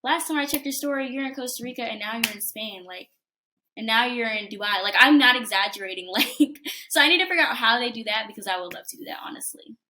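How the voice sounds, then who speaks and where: Bright-voiced young woman chatting over a call. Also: on the high side, quick pace. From United States. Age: 20s. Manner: chatty, upbeat, lots of fillers. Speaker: guest, college student. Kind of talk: casual interview chat. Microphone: video call.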